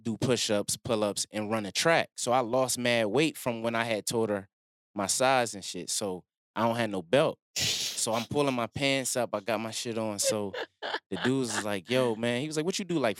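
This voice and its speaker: A man telling a long personal story in a relaxed, slangy way, acting out what people said. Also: mid-range voice, moderate pace, no room sound, clean studio sound. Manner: laid-back slangy storytelling, acts out quotes. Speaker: guest telling his story. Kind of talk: casual storytelling.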